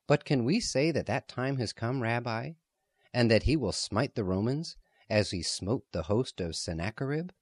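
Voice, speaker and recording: A man reading as a quiet, devout woman. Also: medium pitch, animated, normal speed, husky, no echo. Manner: quiet, soft-spoken.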